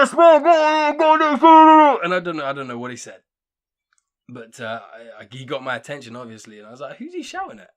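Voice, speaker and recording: Young male podcast host, rambling self-deprecating storyteller, average pitch. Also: fairly bright tone. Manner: rambling, self-deprecating, with frequent fillers and restarts. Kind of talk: casual storytelling monologue.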